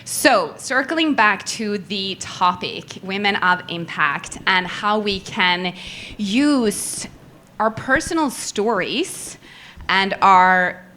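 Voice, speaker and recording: Woman panel moderator with a bright, forward voice, effusive and upbeat. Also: mid-range voice, expressive, slow pace, slight background noise. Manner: enthusiastic, effusive. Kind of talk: live panel discussion. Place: event room with a live audience.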